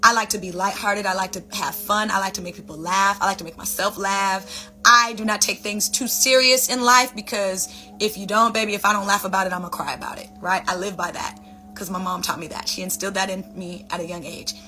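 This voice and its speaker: A woman's voice: mid-range voice, steady tone, brisk, pushed and bright. A woman hosting her own vlog, talking casually and expressively to viewers. She repeats phrases for emphasis and calls them "baby" and "you guys". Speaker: vlog host, wellness speaker. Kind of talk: casual motivational talk to camera.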